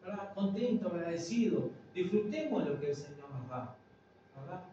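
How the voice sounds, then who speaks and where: Older male pastor, conversational sermon, slightly high voice, distant mic in a boomy room. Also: sing-song, normal speed, warm tone. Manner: conversational preaching, frequent tag questions to the congregation. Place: congregation's meeting room. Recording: very echoey room, distant mic, dull, noisy.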